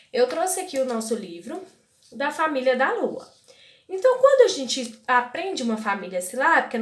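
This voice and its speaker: A woman's voice: fairly high pitch, reverberant. A woman teacher, patiently advising parents and sounding out syllables step by step. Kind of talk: guidance video for parents.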